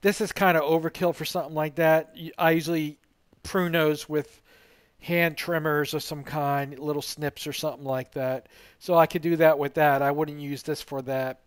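A man's voice: on the high side, steady tone, normal speed, clear, resonant tone, no room sound. Plain-spoken man reviewing a tool outdoors. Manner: plain, rambling, practical. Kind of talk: casual product review. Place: outdoors in a front yard.

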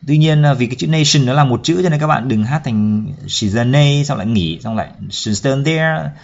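A man teaching a song lesson, explaining each line slowly, then singing it slowly himself. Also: medium pitch, creaky. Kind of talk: spoken lesson with sung demonstrations. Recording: dull lo-fi recording.

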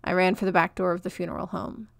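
A woman narrating a children's novel in a clear, expressive read-aloud. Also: fairly low pitch, fast, dry recording, studio quality.

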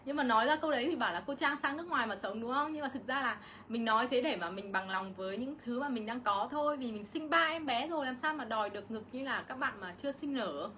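A woman's voice: on the high side, lively intonation, quick pace, few pauses, bright, forceful tone, a little hiss or hum. A middle-aged woman, ranting on a casual livestream vlog and hitting back at her critics with indignation. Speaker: vlogger.

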